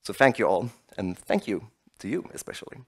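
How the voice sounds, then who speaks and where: Low-voiced male panel moderator. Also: sing-song, a little fast, breathy edge. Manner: hesitant, filler-heavy.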